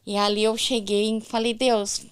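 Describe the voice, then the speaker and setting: Clear-voiced Brazilian woman telling her story. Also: on the high side, moderate pace. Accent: Brazilian Portuguese. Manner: animated, faith-filled, acts out quoted voices. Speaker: interview guest. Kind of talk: emotional storytelling in a podcast interview.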